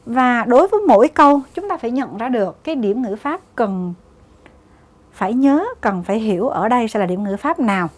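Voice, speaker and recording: A woman's voice: on the high side, lively intonation, a little fast. A woman with a Vietnamese accent working through English exam questions in Vietnamese, explaining each answer step by step. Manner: methodical, mixes English terms into Vietnamese explanations. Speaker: English exam prep teacher.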